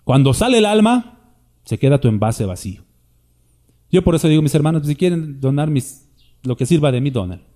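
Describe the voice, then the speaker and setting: A man's voice: fairly high pitch, expressive, normal speed, pauses often, warm tone. A man preaching a sermon in a conversational way, with asides to his congregation.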